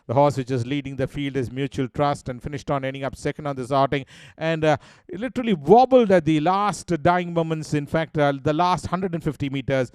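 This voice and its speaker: Smooth-voiced Indian racing previewer. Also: male voice, a little high, a little fast, dry recording. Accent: Indian English. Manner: steady listing delivery with frequent "uh" fillers. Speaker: horse racing preview presenter. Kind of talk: race preview commentary over replays.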